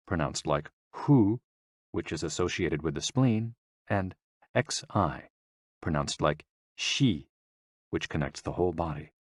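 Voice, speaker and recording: A man narrating a nonfiction audiobook in a calm, measured reading of instructions and explanations. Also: low-pitched, no echo, studio quality.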